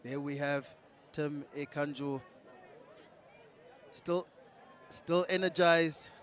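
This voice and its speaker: A man's voice: on the high side, fairly even intonation, slow pace, a bit bright. A man giving live boxing commentary. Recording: live event, music and crowd noise. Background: music and crowd.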